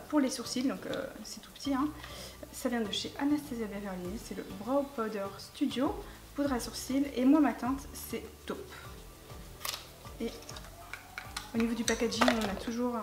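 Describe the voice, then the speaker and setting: A woman, chatting casually and enthusiastically about her latest makeup haul, with lots of fillers. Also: fairly high pitch. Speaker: beauty vlogger. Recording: echoey room with faint music.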